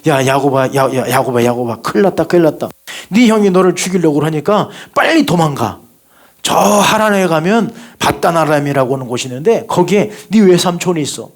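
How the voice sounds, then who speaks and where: A man's voice: on the high side, expressive. A man voicing a scheming, bossy mother who urges her son to hurry. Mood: alarmed. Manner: urgent, hurried.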